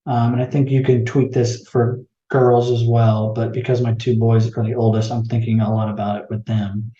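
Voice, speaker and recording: A man co-hosting a podcast speaks in a mellow, dark-toned voice, animated and full of questions. The recording sounds dull and muffled, with a roomy echo around him. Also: medium pitch. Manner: animated, questioning, often acts out others' lines. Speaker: podcast co-host. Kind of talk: casual chat.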